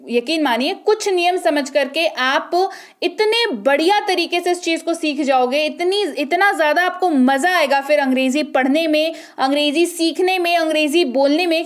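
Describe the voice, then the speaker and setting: A woman, an English teacher giving an online spelling lesson, coaxing and asking the viewer questions, repeating words slowly. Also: high-pitched, animated.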